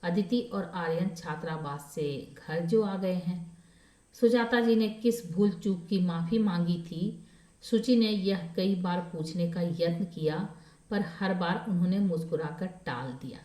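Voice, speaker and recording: A woman narrating a family story in a measured, expressive reading. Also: on the low side, echoey room. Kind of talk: scripted narration.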